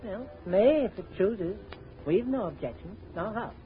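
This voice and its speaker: A woman's voice: medium pitch, lively intonation, faint music behind, lightly acted. A woman playing a whiny, petulant twin boy. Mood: contrary. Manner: whiny, quick to temper. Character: petulant, squabbling little twin brother. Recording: dull lo-fi old record.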